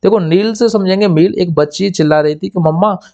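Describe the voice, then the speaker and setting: Speaking a little fast in a high voice that is gravelly yet mellow, this exam coaching teacher lays out memory tricks. He repeats things, asks and answers his own questions, and performs small scenes in quoted voices over slightly dull, lo-fi sound.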